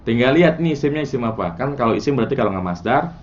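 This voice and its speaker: A man teaching a casual class, quizzing his students and chanting word patterns in a relaxed, chatty way. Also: mid-range voice, racing, highs cut off. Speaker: Arabic morphology teacher.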